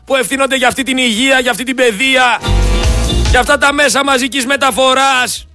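Brief: heated man, high-pitched, ranting commentary over clear music. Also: fairly even intonation. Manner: heated, emphatic, repeats himself, colloquial. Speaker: political commentator. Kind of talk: ranting monologue to camera.

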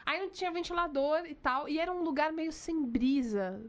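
Lively young woman telling stories. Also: sits high. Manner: animated storyteller, quick asides. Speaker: podcast co-host. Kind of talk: casual chat. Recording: slightly dull, lo-fi sound.

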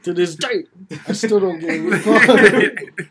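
A man chatting casually with friends for a podcast, teasing and cursing as he goes. His voice sits high for a man. The talk is loose and relaxed. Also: measured pace, crowd noise. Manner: joking, teasing, swears often. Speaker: podcast co-host. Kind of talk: casual chat among friends.

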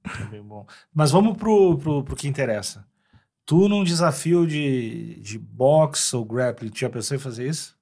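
Brazilian Portuguese man hosting, mid-pitched. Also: expressive, a little slow, creaky, darkish tone. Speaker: podcast host asking questions. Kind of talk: casual interviewing.

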